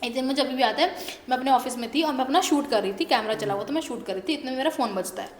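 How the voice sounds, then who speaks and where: Young woman, interview guest, rapid animated storytelling, echoey room, faint hum behind. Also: sits high. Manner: animated, laughs while telling a personal story.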